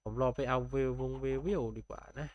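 A man's voice: mid-range voice, brisk, dry recording, dull audio. A young man casually commenting on his Minecraft game, thinking aloud and chatting with viewers. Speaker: gameplay streamer.

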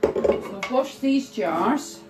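A middle-aged woman, chatting slowly and thinking aloud as she preps food in her home kitchen. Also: on the high side, expressive, over loud music. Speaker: cooking vlogger. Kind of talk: casual cooking chat. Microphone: phone camera held nearby. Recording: noisy home kitchen ambience.

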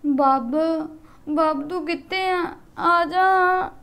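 A woman's voice: very high-pitched, extremely slow, fairly bright tone, full character voice. An actress playing a young woman whose mind has become childlike, stubborn and whiny. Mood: lost, pleading.

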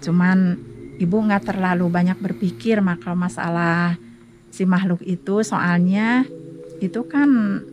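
A woman's voice: lowish voice, measured pace, pauses often, darkish tone, slight background noise. A woman earnestly telling a story in a casual interview outdoors. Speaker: local resident, interviewee.

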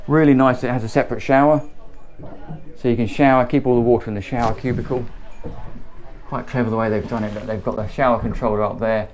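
Speaking fast in a mid-range, slightly mellow voice with fairly even intonation, an English man leads a casual, upbeat, ad-libbed tour of a motor boat at a marina. There's a little hiss or hum, and the handheld camera tracks him between cabins and decks.

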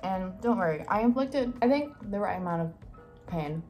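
A woman's voice: mid-range voice, lively intonation, moderate pace, darkish tone, soft background music. A young college-age woman chatting casually to camera in a wry, self-mocking way. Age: young adult, college student. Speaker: student vlogger. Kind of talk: casual vlog chat to camera. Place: dorm room, indoors.

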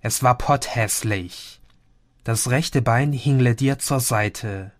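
A man reading a science fiction audiobook as narrator, in a calm, measured storytelling manner. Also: medium pitch, dry recording, clean studio sound. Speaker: audiobook reader. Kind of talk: scripted narration.

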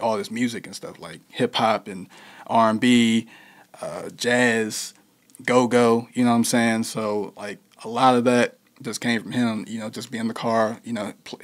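A young man talks through an interview in an easygoing, unhurried way. His answers wander and loop back, padded with "you know" and "like". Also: mid-range voice. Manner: laid-back, heavy with fillers like "you know". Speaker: interview guest, musician. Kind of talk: casual interview conversation.

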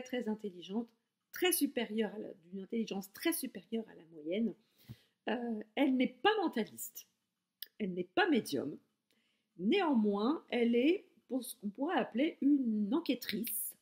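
A woman from France giving a casual, enthusiastic book review straight to her viewers. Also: a little high.

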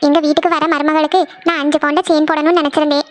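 A woman's voice: high voice, flat delivery, very fast, dry recording, close to an everyday voice. A woman voicing a kind middle-aged mother-in-law in a cartoon, motherly and comforting. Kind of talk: cartoon voice acting.

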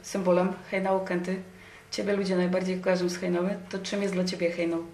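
A woman's voice: on the low side, flat delivery, fast talker, a little mellow. Teasing young woman interviewer, distant. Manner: teasing, chatty questions with fillers. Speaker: podcast host interviewer. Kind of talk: casual interview. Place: outdoors by a river. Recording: roomy, distant sound with faint noise.

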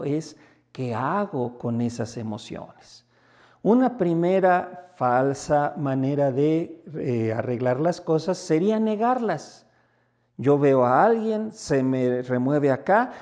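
Mexican man, priest, mid-pitched warm voice, easy conversational reflection message. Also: lo-fi sound. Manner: conversational, acts out little everyday dialogues with lively pitch jumps. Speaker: priest and basilica rector.

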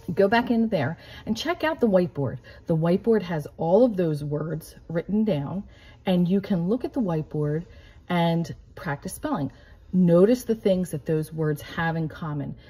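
Husky, mellow American woman teaching young children. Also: lowish voice. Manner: simple explanations with frequent checking questions. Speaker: elementary school teacher. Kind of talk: instructional talk to young children. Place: living room at home, indoors.

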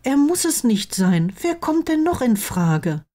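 A woman's voice: on the high side, a little slow, pitched above the performer's own voice. A woman voicing an earnest, insistent blond teenage wizard boy in an audiobook reading of fan fiction. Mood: urging. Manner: insistent, pleading, raised lively delivery.

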